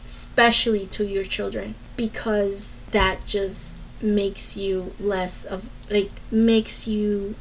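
A woman's voice: mid-range voice, flat delivery, takes it slowly, few pauses, slight background noise, poor audio. A woman casually telling a personal story and giving earnest advice, speaking candidly, swearing freely, and often restarting her sentences. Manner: earnest and urging. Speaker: advice giver.

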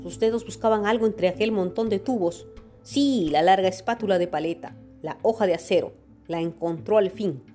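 A woman narrating an audiobook in a calm, steady storytelling manner. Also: mid-range voice, normal speed, soft background music.

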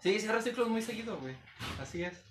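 A man's voice: high voice, expressive, fast, reverberant, slight background noise. A man with a Mexican accent co-hosting a casual podcast chat, slangy and often laughing as he jokes. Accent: Mexican Spanish. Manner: slangy, laughing, acts out quoted voices loudly. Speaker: podcast co-host.

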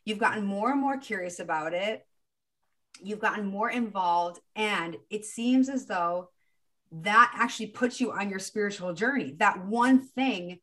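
Casting: woman, 40s, podcast host, encouraging spiritual coach, mid pitch, conversational. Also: a bit bright. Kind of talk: casual spiritual coaching talk.

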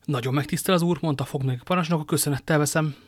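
A man's voice: on the high side, no echo, clean studio sound, close to an everyday voice. A man reading aloud, voicing a polite, formal guard commander. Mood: courteous.

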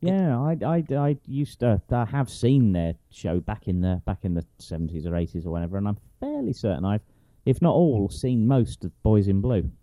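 A man with a northern English accent co-hosting a comedic podcast chat, talking nonsense in a deadpan way. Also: lowish voice, moderate pace, few pauses, dry recording. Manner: deadpan, absurd. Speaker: podcast co-host.

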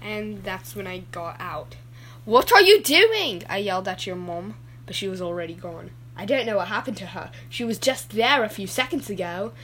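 A woman's voice: medium pitch, moderate pace, fairly bright tone, close to an everyday voice. A woman playing a rambling goofy dad. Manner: rambling, easily sidetracked storytelling.

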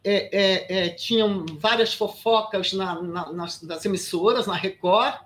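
A woman's voice: mid-range voice, a little slow. Emphatic Brazilian woman in her sixties. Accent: Brazilian Portuguese. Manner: emphatic, animated, frequent restarts and "sabe?" asides. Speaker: guest actress. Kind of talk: casual interview storytelling.

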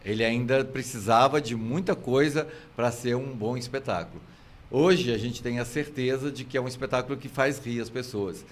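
An older man, a theater actor chatting casually and telling anecdotes with lively expression. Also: medium pitch, normal speed. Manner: expressive storyteller, acts out anecdotes. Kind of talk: casual chat.

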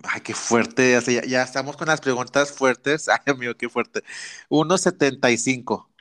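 A man's voice: mid-range voice, normal speed, a bit bright. A man with a Mexican accent hosting a podcast interview, campy, teasing and flirtatious in casual chat. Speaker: podcast host.

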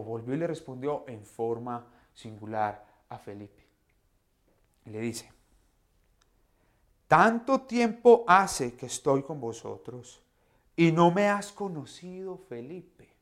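A man giving a devotional Bible talk, reflective and explanatory, swinging from hushed to loud emphatic peaks. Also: medium pitch. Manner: reflective, explains scripture in own words. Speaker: preacher and vocal teacher.

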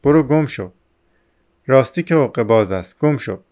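A man's voice: medium pitch, expressive, a little mellow, natural voice. A man voicing a burly village porter who talks bluntly and dismissively, in a resonant voice. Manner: blunt, decisive.

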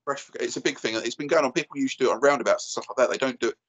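A thirty-something man with an Essex accent chats very quickly and casually. His way of talking is blokey and full of slang, as in a relaxed podcast anecdote. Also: mid-range voice, breathy edge, lo-fi sound. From Essex, England. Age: 30s. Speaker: podcast guest and YouTuber. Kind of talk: casual chat, telling an anecdote.

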